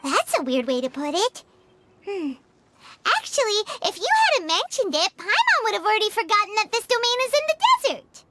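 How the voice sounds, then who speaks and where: Tiny excitable fairy sidekick girl for a game: very high, bouncy and gushing, speaks of herself in the third person. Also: fairly quick, background noise. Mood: curious. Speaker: companion character. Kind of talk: game cutscene voice acting.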